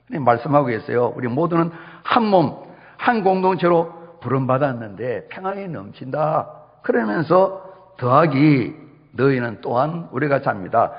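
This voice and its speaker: A middle-aged man preaching a sermon as pastor, telling stories in an animated way and acting out the people he quotes. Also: a little high, gravelly. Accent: Gyeongsang dialect when quoting. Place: church sanctuary. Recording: dull lo-fi recording in reverberant church hall.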